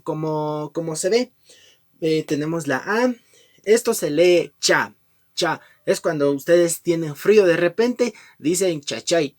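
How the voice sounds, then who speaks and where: Guy teaching the alphabet, friendly, says each sound slowly twice. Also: on the high side, darkish tone. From Ecuador. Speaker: amateur language teacher. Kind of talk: casual online lesson.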